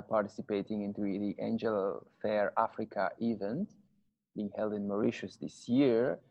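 A man's voice: lowish voice, creaky, a little mellow, poor audio. A man hosting a podcast interview, introducing and questioning a guest. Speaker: podcast host.

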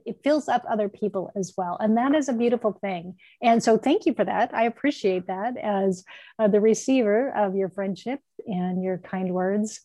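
A woman co-hosting a casual chat, speaking in a gentle, reflective and affirming way. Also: medium pitch, no echo. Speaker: podcast co-host. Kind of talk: casual faith-based chat.

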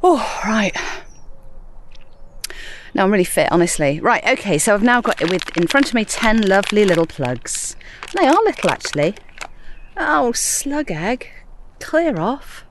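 A woman's voice: mid-range voice, very animated, moderate pace, slight background noise. A middle-aged woman chatting casually to listeners while planting in her garden, a little out of breath. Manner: chatty, self-amused, talking to listeners while working. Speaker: gardening podcast host. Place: outdoors in a garden.

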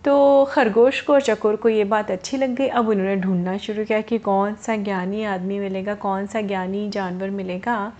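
A woman's voice: mid-range voice, little pitch movement, moderate pace, few pauses, darkish tone, lo-fi sound. A woman telling a story to children in a chatty way, stopping to explain words to them.

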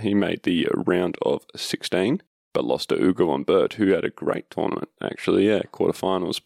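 A man's voice: deep voice, vocal fry, no room sound, studio quality. A man hosting a casual, rambling solo sports podcast just after having his wisdom teeth out. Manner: rambling, informal, self-interrupting. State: recovering from wisdom teeth removal. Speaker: podcast host.

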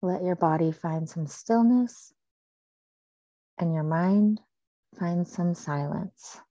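A woman leading a guided breathing meditation, speaking slowly and softly with long pauses. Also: fairly low pitch, no room sound, muffled recording. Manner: slow, soft and soothing with long pauses.

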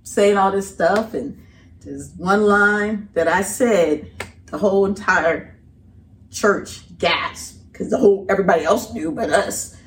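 Woman telling a story from a distant mic. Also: a little slow. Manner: animated, colloquial, breaks into laughter and high voices when quoting. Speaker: podcast guest. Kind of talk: casual storytelling. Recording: distant mic with faint background noise.

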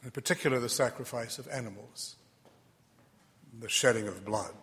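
A man preaching a homily in short, deliberate oratorical phrases, echoing through a large church. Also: medium pitch, a bit bright. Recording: long church reverb, cathedral echo.

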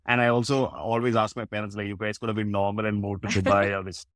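Brief: relaxed guest, man in his 30s from Russia, low voice, close dry mic. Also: quick pace, no echo. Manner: laid-back, laughs often, many fillers. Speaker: podcast guest, content creator. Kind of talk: casual chat.

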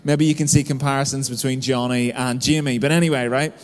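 A pastor in his thirties delivers a conversational sermon, telling stories and keeps tagging sentences with "right?". His medium-pitched voice is steady in tone and fairly quick. A long hall reverb surrounds the recording.

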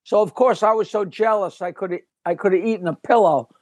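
Older guy with a fairly high voice, rambling comic storyteller, dry close mic. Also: fairly quick, no room sound. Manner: lively, rambling storyteller who breaks off and restarts with a laugh. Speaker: guest comedian. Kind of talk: casual storytelling interview.

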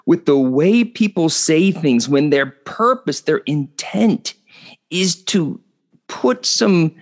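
A man hosting a solo relationship podcast, explaining in an earnest, teaching way and often restarting and repeating words mid-sentence. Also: fairly high pitch. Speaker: podcast host.

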